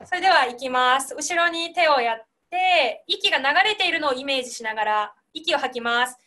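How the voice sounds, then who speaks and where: A woman teaching singers in an online class, explaining gently and demonstrating breath and consonant sounds over a video call. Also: high voice, expressive, fairly quick. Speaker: singing teacher.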